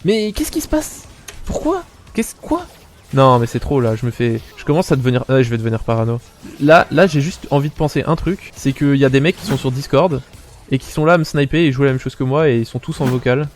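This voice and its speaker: A young man with a Belgian French accent giving casual, animated gameplay commentary as a streamer, swearing often and talking straight to his viewers. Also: mid-range voice, fast talker, a little hiss or hum.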